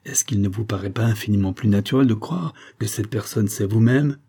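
A man's voice: lowish voice, brisk, dark tone, husky. Man voicing an insistent husband. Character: anxious husband questioning his wife, insistent.

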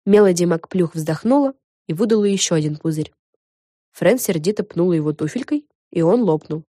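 A woman narrating a children's storybook in an expressive, lively way. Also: lowish voice, a little fast, dry recording, clean studio sound. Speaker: audiobook narrator.

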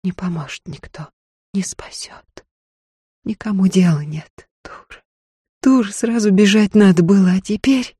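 A woman's voice: medium pitch, sing-song, moderate pace, few pauses, dark tone, slightly rough, no echo, pitched above the performer's own voice. A woman voicing a proud but frightened young noblewoman, speaking coldly or pleading in panic. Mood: whispered despair. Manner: cold, then pleading and panicked.

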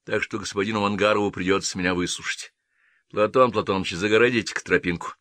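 A man doing a calm, steady officer. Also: on the low side, fast talker, no room sound, natural voice. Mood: composed. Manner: cold and steady. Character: calm, composed male officer, quietly happy.

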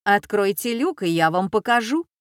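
Woman voicing a calm clever boy. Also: medium pitch, smooth, dry recording, clean studio sound, close to an everyday voice. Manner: calm, measured.

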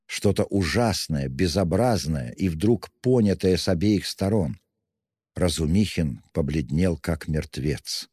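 A man narrating a literary audiobook in a measured, even manner. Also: deep voice, husky, no echo, studio quality, big-room sound. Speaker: audiobook reader.

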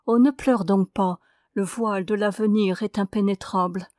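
A woman's voice: mid-range voice, steady tone, moderate pace, warm tone, no room sound, clean studio sound, lightly acted. A woman voicing a devoted young husband who speaks in a soothing, earnest way. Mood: tender.

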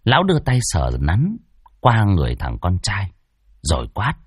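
A man's voice: lowish voice, wildly swooping pitch, moderate pace, husky, no room sound, clean studio sound. A man narrating a horror story in a dramatic, ominous way.

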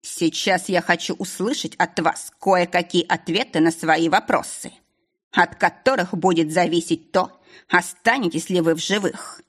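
A woman voicing a cold, scheming male duke who taunts his captives in a slow, mocking drawl. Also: on the low side, husky. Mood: smug, mocking.

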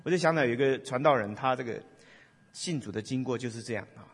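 A man preaching in a conversational style, telling lively stories and often asking the listeners "right?". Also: mid-range voice, fast, slightly rough. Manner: lively storyteller, asks the audience "right?". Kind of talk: conversational sermon with storytelling. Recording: long hall reverb.

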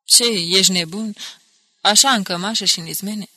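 A woman's voice: medium pitch, sharp tone, husky, no room sound, low-quality recording. A woman voicing a startled young male soldier who protests in disbelief. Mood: incredulous.

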